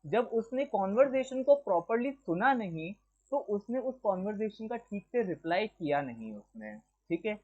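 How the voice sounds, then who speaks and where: Male teacher, raised pitch, quizzes the room in mixed Hindi and English, muffled lo-fi classroom recording. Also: big pitch swings, normal speed, slightly rough. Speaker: lecturer. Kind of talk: classroom lecture. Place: classroom with a board.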